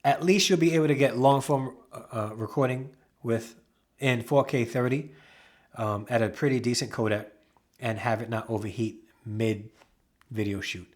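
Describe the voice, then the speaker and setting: A man giving a casual product review, talking excitably with emphatic repeats and self-corrections. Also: medium pitch, moderate pace. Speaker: camera reviewer.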